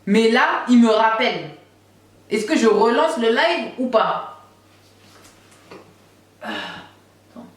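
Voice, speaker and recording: A woman's voice: fairly high pitch, animated, slow, long pauses. A woman in her thirties telling a personal story in a casual storytime monologue, chatty and full of fillers, acting out what others said. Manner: chatty retelling, acts out quoted dialogue, many fillers. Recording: very echoey room, voice far from the mic.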